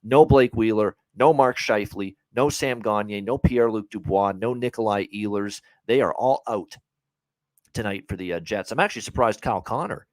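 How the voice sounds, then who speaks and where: A man's voice: on the low side, normal speed, a little mellow, dry recording, rough recording. A man hosting a sports betting podcast, talking casually through his picks with lots of filler words. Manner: chatty, many "uh" fillers, upbeat picks.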